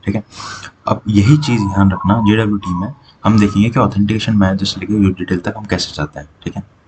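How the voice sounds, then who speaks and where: A man teaching a programming lesson in a relaxed, conversational way, walking through the steps and often pausing to check that listeners are following. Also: lowish voice, noisy background. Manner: explains step by step with frequent "theek hai" check-ins and fillers. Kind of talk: casual screen-recorded coding lesson.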